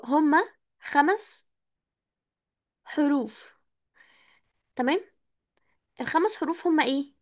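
A woman whose voice sits high teaches English online with an Egyptian Arabic accent. Patient in her explanations, she quizzes students and weaves English words into her speech.

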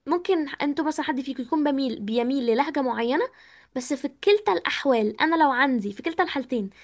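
High-voiced Egyptian woman teaching English. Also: animated, racing. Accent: Egyptian Arabic. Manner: explains patiently, asks students questions, mixes in English words. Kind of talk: online class lesson.

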